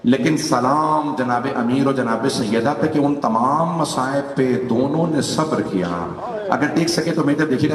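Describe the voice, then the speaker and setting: A man, a cleric, delivering a mourning sermon as dramatic, impassioned storytelling that acts out the quoted voices. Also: mid-range voice. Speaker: Shia cleric giving a majlis. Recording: echoey hall, distant mic.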